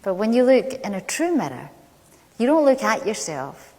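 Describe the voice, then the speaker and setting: A middle-aged public speaker from Glasgow, Scotland, with a Glaswegian accent, delivers a prepared talk on a large indoor stage, telling stories in a measured, conversational way with deliberate pauses. Her voice is medium-pitched and darkish in tone, and she is very animated. The hall is echoey, with a long reverb.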